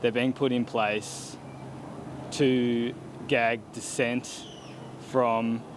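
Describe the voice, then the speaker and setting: A man activist speaking emphatically and deliberately in an interview. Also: mid-range voice, level tone. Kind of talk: interview comment. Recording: noisy outdoor street recording.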